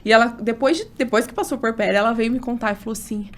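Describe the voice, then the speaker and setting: A woman in her thirties with a rather high voice, guesting as an obstetrician on a casual interview. She tells her story in an emotional, animated rush, leaning on fillers as she goes. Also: fast talker.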